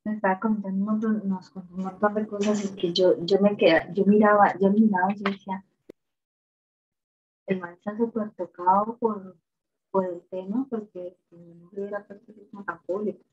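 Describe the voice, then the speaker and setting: A woman chats casually before class, spilling gossip in an animated storytelling way. Her voice has a slightly husky edge. The call audio is muffled and lo-fi. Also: mid-range voice, moderate pace. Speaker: law student.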